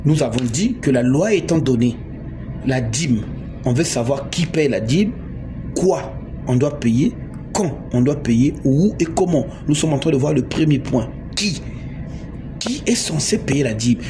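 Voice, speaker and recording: A man's voice: mid-range voice, lively intonation, a little slow. Emphatic Congolese man preaching. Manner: emphatic, repeats words, asks the audience. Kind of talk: sermon. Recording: noisy background.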